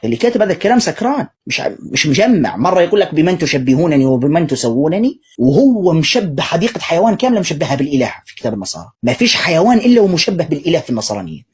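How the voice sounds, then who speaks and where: A man preaching in a rapid, husky voice that swings widely in pitch. He mocks and drives his points home with heavy sarcasm while answering recorded clips as a polemical commentator. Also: sing-song. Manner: mocking, sarcastic, emphatic.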